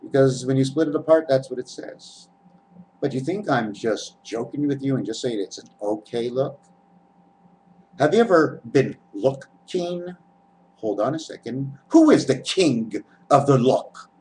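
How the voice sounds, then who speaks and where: At home on camera, a vlogger delivers a rambling spiritual monologue, building wordplay from letters and numbers and addressing viewers as friends. His medium-pitched voice is animated and darkish, his pace measured. The audio is poor, with a little hiss or hum.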